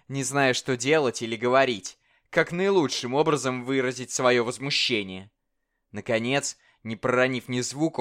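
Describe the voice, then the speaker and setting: A man reads a classic story aloud in dramatic audiobook narration. His voice is smooth and resonant at a middle pitch, and the reading stays measured and expressive.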